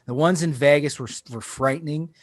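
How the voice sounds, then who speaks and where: A man's voice: fairly high pitch, normal speed, dry recording, clean studio sound. A man guest on a podcast, chatting casually and swearing freely. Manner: frank and crude, swears freely. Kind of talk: casual chat.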